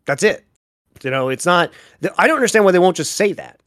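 A man chats casually on a podcast, stammering and restarting as he gathers his thoughts. His middling-pitched voice is animated, fast and a bit bright, sounding dry and close with no room sound or echo.

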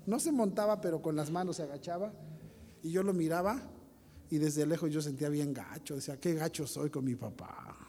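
A man preaching with a noticeably high voice. He tells stories and keeps turning to the congregation with questions. His voice rings out in a long hall reverb. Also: a little fast, mellow, slight background noise. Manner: storytelling, addresses congregation directly. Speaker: pastor. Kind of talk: sermon.

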